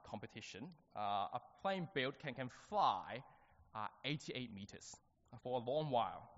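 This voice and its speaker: A man delivers a sermon to his congregation in a hesitant, stop-start way, often repeating words and filling pauses. His voice carries a long, hall-like reverb, and the recording sounds somewhat dull and muffled. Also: mid-range voice. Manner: halting, with many fillers and restarts. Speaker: preacher.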